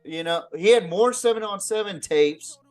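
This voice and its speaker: This football podcast host speaks in a high-sitting voice at a moderate pace, keeping things loose and unscripted. His delivery is blunt and profane, full of repeated words, and music runs underneath.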